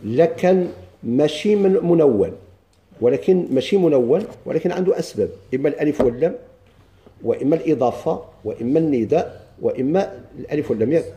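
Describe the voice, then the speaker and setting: Over slight background noise, a Moroccan man with a warm, animated, somewhat high voice teaches a grammar class, explaining a text. He reads its lines slowly and puts questions to the class, supplying the answers himself, all in a Moroccan Arabic accent.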